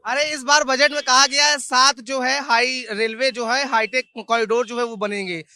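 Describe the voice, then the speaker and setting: Street reporter: a man with a very high, bright voice who keeps pushing back with pointed questions. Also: fairly even intonation, moderate pace, no echo, clean studio sound. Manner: probing, challenging questions. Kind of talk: street vox pop interview.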